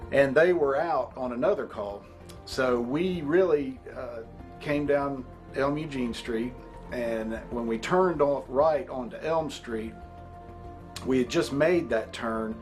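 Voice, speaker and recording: Measured man recounting, music behind. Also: medium pitch. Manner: measured, explanatory. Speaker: firefighter, company officer. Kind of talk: documentary interview recollection. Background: background music.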